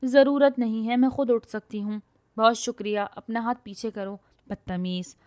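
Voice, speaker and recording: A hot-tempered young university woman barks orders and picks fights in a loud, quarrelsome voice. A woman reader acts her out in a storybook reading. She brags and scolds without letting up. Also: mid-range voice, steady tone, lightly acted. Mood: indignant.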